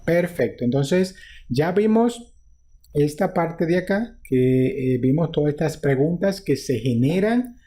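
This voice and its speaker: A Latin American man teaching English in a relaxed, unhurried way. His voice is dark and mellow, and he lifts his pitch when he repeats the example phrases. He explains things patiently and goes over the same line more than once. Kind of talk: casual spoken lesson.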